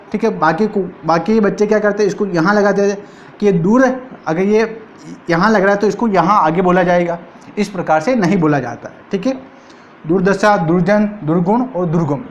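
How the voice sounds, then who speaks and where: Rajasthani guy teaching hindi grammar, highish voice, says every word twice and keeps asking the class. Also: lo-fi sound. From India. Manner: repeats each word slowly and asks the class questions. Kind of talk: exam-prep grammar lesson.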